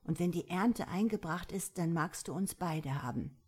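A bold and cheerful young bride of the sun speaks in a storybook tale, as a woman reader puts her on. The voice sits low and a little husky. She talks with lively, laughing confidence. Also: normal speed. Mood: determined.

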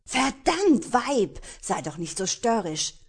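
A brash, arrogant pirate captain, put on by a woman reading a romance audiobook. He talks loudly and with swagger, his voice pushed higher and louder than her plain narration. Taunting and bossy. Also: expressive, moderate pace, lightly acted. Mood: angry.

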